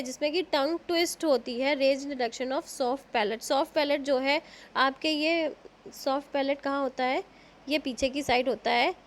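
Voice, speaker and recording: A woman teacher from India explaining vowels in a slow lecture, switching between Hindi and English with an Indian English accent and asking her students questions. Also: high-pitched. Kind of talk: recorded classroom lecture.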